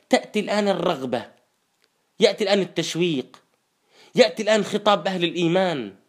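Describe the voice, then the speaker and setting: High-voiced man preaching a sermon. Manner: slow chanted recitation of verses between quicker explanation. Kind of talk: Quranic exegesis sermon.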